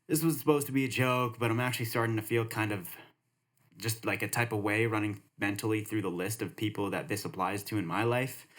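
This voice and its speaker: A man's voice: lowish voice, a bit bright. A young man hosting a podcast, with a sarcastic then earnest, reflective way of talking. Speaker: podcast host. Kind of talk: podcast monologue and interview.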